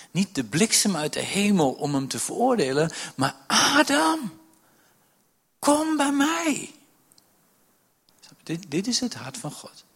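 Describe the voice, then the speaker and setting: A middle-aged man preaching a sermon in a church. He speaks emphatically, piles up repeated questions and drops to a hush to stress a point. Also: a little high, slightly rough. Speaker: pastor. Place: church service with listeners present.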